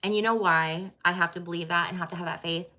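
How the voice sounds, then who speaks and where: A woman's voice: fairly low pitch, fairly even intonation, fast, pushed and bright. A middle-aged woman chatting candidly and casually to her viewers, with many fillers and restarts. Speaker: tarot channel host.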